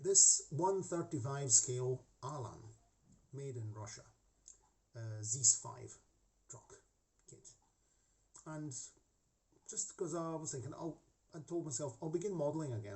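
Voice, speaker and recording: Sitting at the desk in his home hobby room, a half-Scottish, middle-aged man talks casually to the camera facing him, his medium-pitched voice warm and his English carrying a Scottish tinge. He runs a hobby model-making channel and keeps restarting and wandering into asides.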